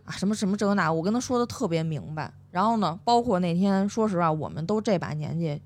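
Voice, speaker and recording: Fast-talking Beijing woman, blunt. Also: fairly low pitch. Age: middle-aged. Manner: animated storytelling, blunt. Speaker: guest. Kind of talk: casual chat.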